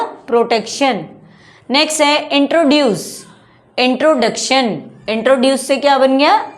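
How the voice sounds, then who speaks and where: A woman teaching English grammar in Hindi, repeating each word and quizzing before giving the answer. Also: a little high. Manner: slow, repetitive, quizzing questions then answering them.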